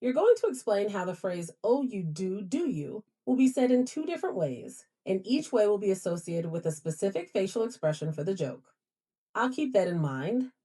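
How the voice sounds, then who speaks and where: A woman's voice: medium pitch, big pitch swings, moderate pace, warm tone, husky. A woman's voice as a smart home assistant, answering politely and accommodatingly. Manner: polite, accommodating, formal address. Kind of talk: assistant replies.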